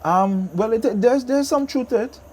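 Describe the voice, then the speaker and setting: A guest who works as a radio DJ and soca artist chats casually in an interview with a Trinidadian accent, repeating phrases emphatically to drive his points home. His voice is very high and a little mellow, at a moderate pace.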